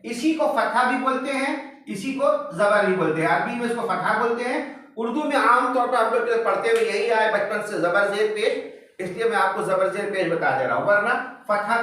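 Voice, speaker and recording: A man teaching a tajweed class, slowly spelling out letters and vowel marks one by one and reciting short examples. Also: sits high, fairly bright tone, heavy reverb, far from the mic, rough recording. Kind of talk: online tajweed class explanation.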